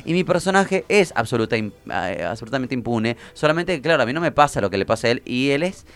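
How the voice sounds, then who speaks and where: Argentine actor chatting playfully in a smooth voice. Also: male voice, mid-range voice, fast talker. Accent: Argentine Rioplatense. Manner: playful, animated, laughs often. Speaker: actor guest. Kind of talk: casual interview chat.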